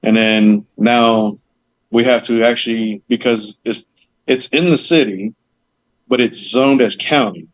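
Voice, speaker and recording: On a podcast, a meadery owner in a mid-range, slightly bright voice describes opening his business at a measured pace with fairly even intonation. He's chatty and rambling, full of fillers and tangents, and acts out conversations; the recording is dull, dry, and lo-fi.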